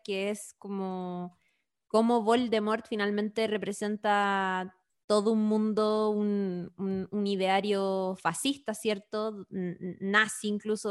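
A woman with a Chilean accent talks in a middle register, laying out her thoughts in long, animated runs. Her speech is loose and full of slang, with the easy flow of friends chatting on a podcast. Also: mid-range voice, clear, resonant tone. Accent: Chilean Spanish. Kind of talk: casual chat.

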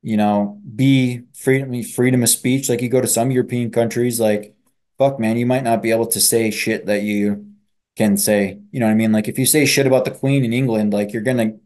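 A man's voice: medium pitch, steady tone, brisk, a little mellow. A young man co-hosting a podcast, rambling casually with lots of fillers and swearing. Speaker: podcast co-host. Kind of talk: casual chat.

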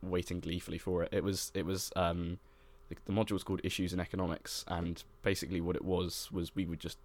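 A young man with a notably deep voice chats on a podcast. He rattles along quickly, restarting sentences and stacking fillers as he goes. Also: little pitch movement. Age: young adult. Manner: fast, rambling, full of fillers and restarts. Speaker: podcast co-host. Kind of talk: casual chat.

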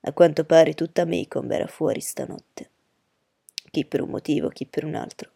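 A woman voicing a calm grown father, speaking low, measured and kindly but firm in an audiobook. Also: vocal fry, breathy edge, dry recording, clean studio sound, heavily acted. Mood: firm, gentle. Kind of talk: audiobook reading.

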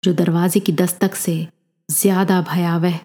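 Mellow-voiced woman narrating a story. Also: lowish voice. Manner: measured, expressive storytelling.

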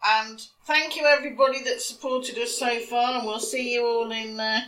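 A woman's voice: on the high side, steady tone, normal speed, a bit bright, rough recording. A middle-aged or older British woman co-hosting a comic podcast in casual chat, with dry, cheeky asides. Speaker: podcast co-host.

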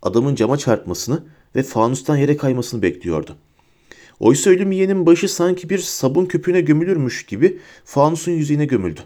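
A man narrating a fantasy audiobook in a lively storytelling manner. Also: fairly quick. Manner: lively storytelling, pitches up for characters' shouts.

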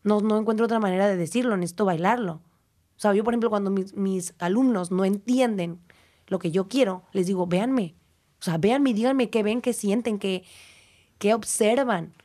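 A woman's voice: mid-range voice, brisk. Young Mexican woman, dancer talking. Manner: reflective, animated, acts out quotes. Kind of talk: casual interview talk.

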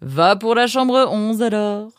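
Une femme qui joue un renard effronté et autoritaire. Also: female voice, mid-range voice, slow, no room sound, studio quality, pitched above the performer's own voice, lightly acted. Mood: mocking. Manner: loud, blunt, mocking. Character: male fox, brash, tactless, bossy.

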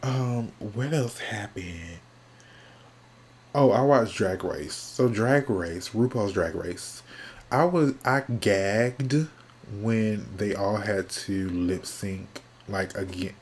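A man hosts his podcast alone in a sassy, casual ramble, drifting between topics and letting lines fade into soft mumbles. He sounds sleepy and yawns now and then, and he talks at a very slow, unhurried pace with a fairly low voice. A faint hiss sits under the recording. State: sleepy, yawning. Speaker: podcast host. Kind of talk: casual solo podcast chat.

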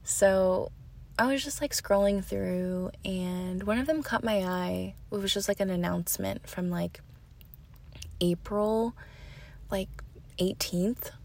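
A young woman telling a casual story on her podcast, chatty and full of "like", sometimes dropping to a soft whisper. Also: medium pitch, takes it slowly, creaky. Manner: chatty, heavy use of "like", drops to soft whispers. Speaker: podcast host.

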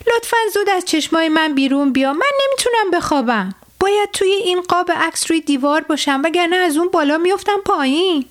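A woman voicing a small rabbit from a picture frame in a children's storybook, pleading in a hurried, raised voice. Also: extremely high pitch, expressive, pitched above the performer's own voice.

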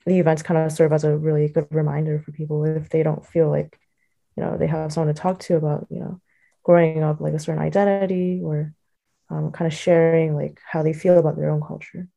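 This college student, an American woman in early adulthood, talks as an interview guest in a deep, dark voice with vocal fry, keeping a level tone and a brisk pace. She reflects casually, hesitating and phrasing things loosely, leaning hard on fillers like "like" and "you know."

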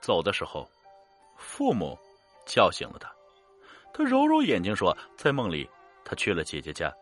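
A man narrating a horror story in a measured, dramatic way, slowing down for suspense. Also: sits low, huge pitch swings, a bit bright, faint music behind.

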